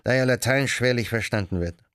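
A man's voice: medium pitch, brisk, a bit bright, no echo, studio quality, lightly acted. A man doing a coarse, officious church judge. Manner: coarse, common speech. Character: irritable petty-minded male church judge. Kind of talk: audiobook character voice.

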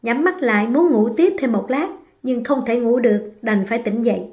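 A woman narrating a romance novel in a steady, even reading voice. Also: a little high, brisk. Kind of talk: scripted audiobook narration.

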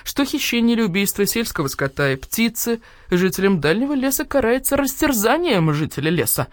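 A woman voicing a stern, gruff elder badger in a storybook. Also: on the high side, very animated, a little fast, dry recording, clean studio sound, voice pushed up.

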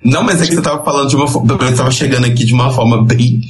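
A man's voice: medium pitch, rapid-fire, soft background music. A man hosting a podcast, explaining how the show works and teasing his co-hosts over an online call. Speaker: podcast host. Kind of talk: casual podcast chat.

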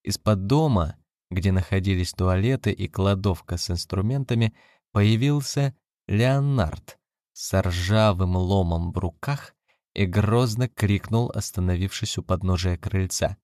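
A man narrating a novel as an audiobook in a measured, steady way. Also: low voice, no room sound, studio quality.

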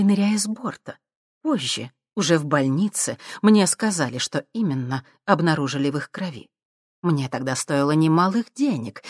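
A woman reading an audiobook, voicing a cold, ruthless mother who speaks calmly and with menace. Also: low-pitched, slightly rough, no room sound, studio quality. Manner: calm, cold, measured.

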